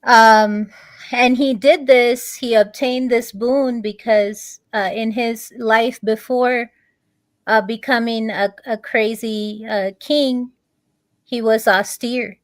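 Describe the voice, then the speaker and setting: A woman, a guest in a conversation, telling a long story in a halting way, pausing on many fillers and restarts. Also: on the high side, fairly even intonation, dry recording.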